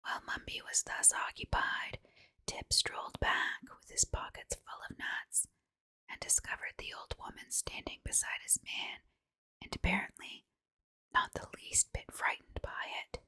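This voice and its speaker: A woman's voice: measured pace, bright, forceful tone. Woman reading a story in a whisper. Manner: reading under breath in an unvoiced whisper. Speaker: reader of a children's storybook.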